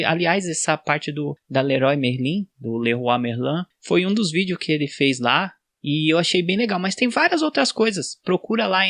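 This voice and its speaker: A man's voice: on the high side, creaky, fairly bright tone, dry recording. A man with a Brazilian Portuguese accent, chatting casually in an explainer vlog, with frequent tag questions and restarts. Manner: chatty, frequent "né?" tags, self-corrections. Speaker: vlogger.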